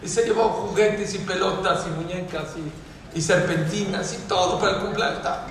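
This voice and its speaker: A man with a Mexican accent giving a sermon to young people, telling stories animatedly and rising to loud exhortation. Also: sits high, moderate pace, a little hiss or hum. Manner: animated storyteller who mimics the people in his stories; rises to loud, emphatic exhortation. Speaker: religious speaker addressing young people. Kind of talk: sermon with storytelling. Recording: echoey hall, voice from far off.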